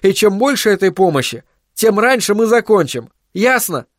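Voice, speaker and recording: A man's voice: high voice, very animated, normal speed, dry recording, voice pushed up. Brief: male reader doing a stubborn, agitated scientist, raised and emphatic, dry close sound. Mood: urging. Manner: heated, emphatic, pleading at times.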